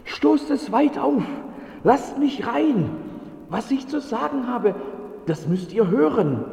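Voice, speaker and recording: Guy putting on a gasping messenger voice, way high and loud, echoey church. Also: animated, slow, creaky, distant mic, exaggerated voice. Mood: urgent. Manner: urgent, exclaiming. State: out of breath. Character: breathless excited male messenger, urgent and overjoyed. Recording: echoey church with long reverb.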